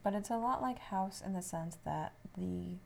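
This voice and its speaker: A podcast co-host with a lowish voice and vocal fry talks at a moderate pace. She chats casually and teases playfully, with crowd noise in the background.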